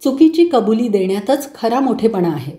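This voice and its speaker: A woman playing a caring mother who lectures her son calmly and gently. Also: a little high, normal speed. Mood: gentle. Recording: roomy echo.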